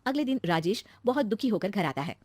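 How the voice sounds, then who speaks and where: A woman narrating a scripted cartoon story for kids with brisk, clear storytelling. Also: mid-range voice, animated, a little mellow, dry recording.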